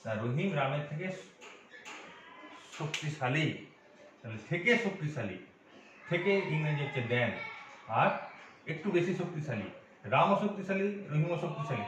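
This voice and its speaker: Man, grammar teacher, patient, fairly high voice, far from mic, very echoey dull recording. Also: animated, normal speed, long pauses, background noise. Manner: patient, asks and answers his own questions. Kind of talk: explaining a grammar lesson to students.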